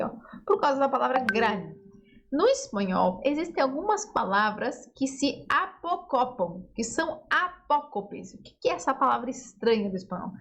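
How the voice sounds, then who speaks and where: A woman teaching Spanish grammar to beginners, explaining patiently, reading examples slowly, checking in with short tags. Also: high-pitched. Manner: reads example phrases slowly and carefully.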